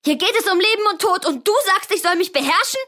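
A woman voicing an eight-year-old girl who cries out in high, shrill pleas. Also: fast talker, sharp tone. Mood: outraged.

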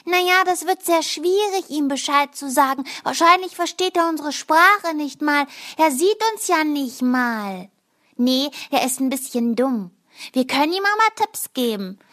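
A woman's voice: sits high, animated, unhurried, fairly bright tone, voice pushed up. A woman reading a storybook aloud, voicing tiny, boastful, chattering house creatures. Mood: reassuring.

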